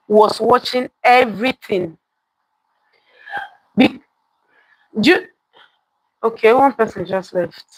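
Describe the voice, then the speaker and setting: Her voice sits on the high side as she hosts a live, interactive folktale for viewers, leaning on repetition and questions to her listeners. It's a dry, rough recording.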